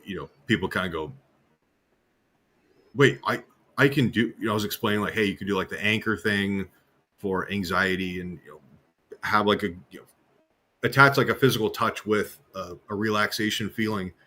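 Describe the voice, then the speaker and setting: Low-voiced stammering hypnotist spinning anecdotes. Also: male voice, brisk. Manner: animated anecdote teller, stammering restarts. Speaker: stage hypnotist co-host. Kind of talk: casual storytelling chat. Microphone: online video call.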